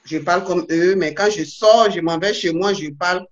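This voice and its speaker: A woman's voice: lowish voice, normal speed, lo-fi sound. A woman being interviewed, telling her stories animatedly and restarting often. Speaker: guest, immigrant to Canada. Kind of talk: casual interview. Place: Montreal.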